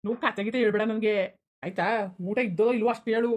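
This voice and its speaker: A woman's voice: medium pitch, steady tone, dull audio, natural voice. A woman voicing a drunk, abusive middle-aged village father who snarls threats, for a cartoon. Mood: angry. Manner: snarling threats, rapid scolding.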